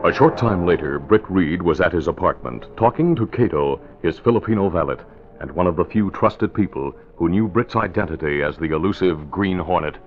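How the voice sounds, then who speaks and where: A man's voice: low-pitched, animated, a little fast, a little hiss or hum. Old-time radio drama narrator, a man. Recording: dull vintage radio recording.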